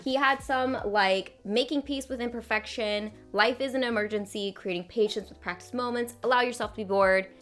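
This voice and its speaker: Chatty young woman with a bright voice. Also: on the high side, normal speed, few pauses, faint music behind. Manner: chatty, frequent "like" fillers. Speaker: vlogger reviewing books. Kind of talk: casual talk to camera.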